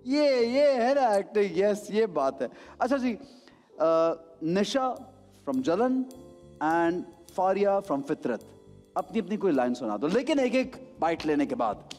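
A man's voice: high-pitched, sing-song, slow, a little mellow, long reverb tail, soft background music. A man hosting a talk show with a Pakistani Urdu accent, teasing his guests and mixing in English phrases. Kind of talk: playful studio chat.

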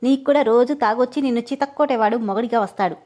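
A jealous young woman with a sharp, mocking tongue, put on by a female storyteller. She scolds and jeers in a fairly high voice, and every line has a biting edge. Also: racing, lightly acted. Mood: sarcastic.

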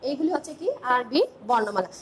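A woman's voice: a little high, expressive, a little hiss or hum. A woman teaching an online class with a Bangladeshi Bengali accent, calling out letters one by one and asking her pupils questions as she goes. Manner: slow, drilled recitation of letters with questions to pupils.

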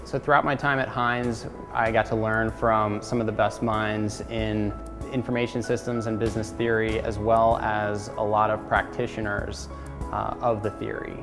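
Flat-voiced young man from Pennsylvania. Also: lowish voice, normal speed. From rural Pennsylvania. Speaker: graduate student. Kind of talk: interview testimonial. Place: indoor university hallway. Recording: long reverb with music behind.

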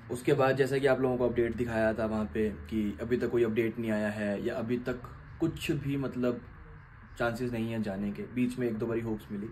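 Travel vlog guy, warm low-key voice, catching viewers up, faint car hum behind. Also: poor audio. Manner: steady recap, to the viewers. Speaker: travel vlogger. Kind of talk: casual travel narration.

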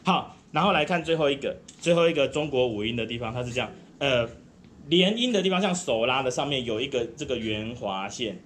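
A man with a Taiwanese Mandarin accent teaches a group saxophone lesson, patient and encouraging as he counts the class in and sings demonstrations. His medium-pitched voice is expressive, brisk and a bit bright, with a little hiss or hum on the audio.

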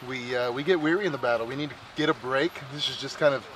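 A man's voice: mid-range voice, quick pace, crowd noise, natural voice, low-quality recording. A man playing a self-righteous, bumbling officer in a comedy skit, earnest and preachy, with vehicle and outdoor noise behind.

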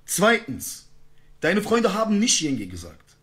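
Agitated high-voiced man ranting. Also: huge pitch swings, slow, a bit bright. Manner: ranting, street slang. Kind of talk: heated live-stream argument.

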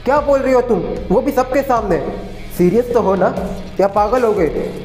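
A man's voice: very high-pitched, moderate pace, a little mellow. Man doing an indignant, pleading young guy, roomy echo, light music. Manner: pleading, protective. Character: earnest, indignant young man, childhood friend. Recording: echoey room, faint music.

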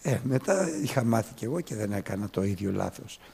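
Guy preaching, tells stories, voice jumps all over, goes quiet then loud. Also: fairly low pitch, vocal fry, slightly rough. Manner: animated storytelling, swings from soft to loud. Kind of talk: sermon.

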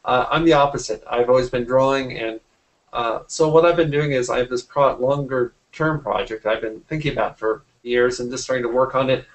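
The audio is poor. A man in his forties speaks fairly quickly in a mid-range voice with fairly even intonation. He's an artist and art teacher joining a casual interview from a small room at home via his computer mic, and he keeps rephrasing himself mid-sentence.

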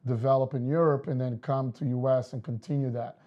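A man, a soccer coach explaining his methods in an interview, measured with many fillers. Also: medium pitch, fairly even intonation, muffled recording. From Portugal. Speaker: girls' soccer coach, guest. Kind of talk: casual interview talk. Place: studio set with wood backdrop.

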